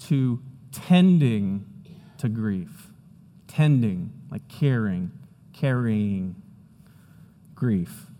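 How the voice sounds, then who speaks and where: Slow, earnest preacher man in a hall. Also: mid-range voice. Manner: earnest, swings between emphatic and hushed. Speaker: pastor. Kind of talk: sermon.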